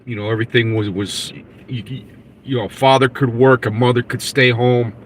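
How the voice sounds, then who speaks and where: A man of sixty hosting a live podcast, talking in a rambling, halting way with many fillers and restarts. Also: medium pitch, steady tone, slight background noise. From United States. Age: 60s. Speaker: podcast host reading live chat. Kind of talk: casual live-stream chat.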